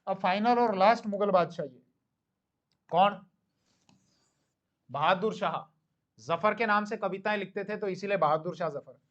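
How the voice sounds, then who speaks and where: A man's voice: high-pitched, unhurried, pauses often, fairly bright tone, dull audio. A man teaching a history lecture in a conversational, storytelling way, often asking a question and then answering it himself. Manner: conversational storytelling, acting out dialogue; asks and answers his own questions. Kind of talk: recorded classroom lecture.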